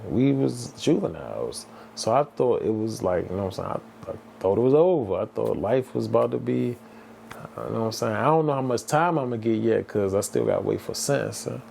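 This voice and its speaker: Gravelly-voiced man from the D.C. telling his story. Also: medium pitch, darkish tone, a little hiss or hum. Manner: loose slang-heavy talk, many restarts and "bruh". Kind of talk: casual storytelling to camera.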